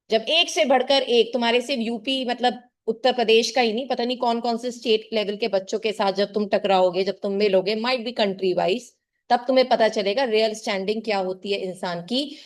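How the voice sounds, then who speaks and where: A woman's voice: on the high side, moderate pace. A middle-aged woman tutor giving an earnest motivational talk to her class and calling her students "child.". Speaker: tuition teacher.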